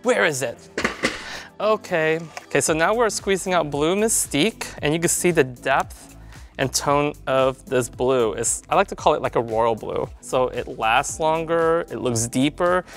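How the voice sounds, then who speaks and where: A man's voice: a little high, unhurried, a bit bright, faint music behind. A man giving a hair-color tutorial in a salon, chatty and instructive, often checking in with his viewers. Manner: chatty, checks in with "right?" and "you guys".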